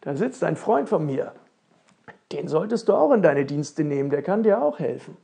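A storyteller voicing a tall, skinny, cheerful male helper who can stretch himself, calling out loudly and eagerly in a fairy tale. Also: mid-range voice, lively intonation, slow, vocal fry, voice pushed up, exaggerated voice. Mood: eager shouting. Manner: shouting, eager and boastful.

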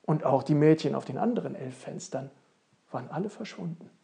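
A storyteller reading a fairy tale aloud slowly, with stretches dropped to a soft whisper. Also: medium pitch, expressive, gravelly.

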